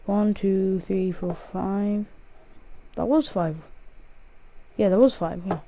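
Slow, rambling young-sounding male gamer. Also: high-pitched, fairly even intonation, dark tone. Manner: rambling, self-mocking, counts aloud while playing. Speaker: gaming channel host. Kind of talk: casual gameplay commentary.

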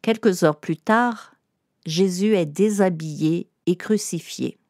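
Speaking slowly in a fairly low, slightly mellow voice, a woman narrates a lesson for children. She keeps her explanations simple and didactic and addresses a young listener directly. The recording is dry and close.

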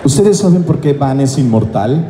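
On stage in a large indoor convention hall, a man who is a voice actor guest jokes with a fan crowd via a handheld mic and laughs at his own jokes. He speaks at a normal speed in an expressive, mid-range voice. The clip was filmed from the audience, with echo and loud crowd noise.

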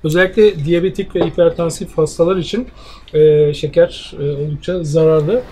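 A man in his sixties hosts a cafe tasting, talking in a measured, appreciative way, pausing often with little fillers. His voice sits notably high for a man. A faint outdoor cafe hum runs behind him. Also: steady tone, warm tone. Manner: measured, appreciative, with frequent hesitations. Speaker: food show host. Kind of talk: casual tasting interview.

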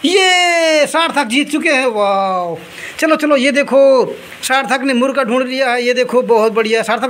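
A woman running a toy-finding game for two children. She keeps up lively play-by-play commentary and rapidly repeats item names to hurry them along. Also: high-pitched, slight background noise. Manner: scolds and laughs between rounds.

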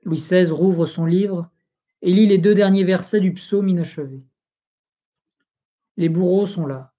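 An audiobook reader reading a history book aloud in a slow, solemn, even delivery. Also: mid-range voice.

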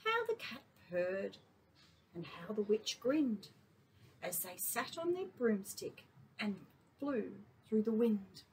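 Female kindy teacher, slow, expressive storybook read-aloud. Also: medium pitch, a little hiss or hum. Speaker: kindergarten teacher. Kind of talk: reading a picture book to children.

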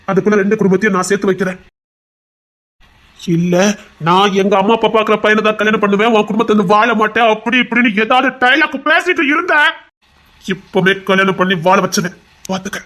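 A man's voice: high-pitched, fast, fairly bright tone. A man with a Tirunelveli Tamil accent playing a young male heart doctor, a possessive lover who pleads and turns to threats. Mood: insistent. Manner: pleading, insistent, turning threatening. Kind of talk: audio drama acting.

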